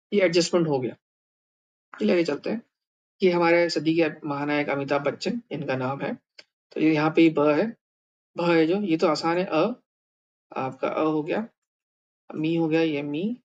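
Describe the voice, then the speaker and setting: Male teacher from India, patient step-by-step lesson, muffled dull audio. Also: on the high side. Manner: thinking aloud with many fillers and restarts. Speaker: language teacher. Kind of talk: explaining a writing lesson.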